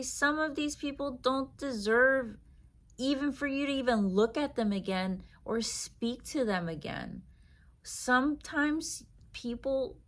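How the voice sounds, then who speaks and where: Woman faith coach talking slow and earnest, leans hard on words, pauses a lot. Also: medium pitch, a bit bright. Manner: earnest, emphatic, with dramatic pauses. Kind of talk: spoken devotional encouragement.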